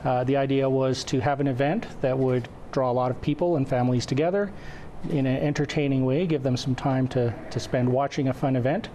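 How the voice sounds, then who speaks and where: Talking fairly quickly in a dark-toned, medium-pitched voice with fairly even intonation, a Croatian-first-language event organizer in his forties from western Canada gives an informal TV interview. A lapel mic picks him up in an indoor studio, where there's slight background noise.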